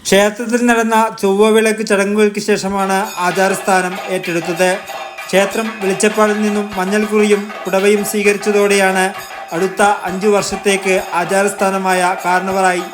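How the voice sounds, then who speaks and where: A man reading scripted local news narration as a reporter's voice-over. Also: high-pitched.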